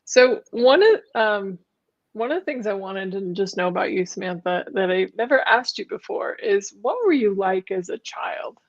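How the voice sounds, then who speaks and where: A woman hosts a podcast and leads a calm guided opening, then speaks about her guest with open delight. Her voice sounds a little muffled, as if recorded on a cheaper line. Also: medium pitch, moderate pace. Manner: soft and gushing, meditative opening. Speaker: podcast host. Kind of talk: podcast interview.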